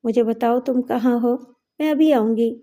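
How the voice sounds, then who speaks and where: A woman's voice: a little high, dark tone, natural voice. A woman voicing an anxious, loving middle-aged mother who pleads with emotion in a raised voice. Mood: pleading.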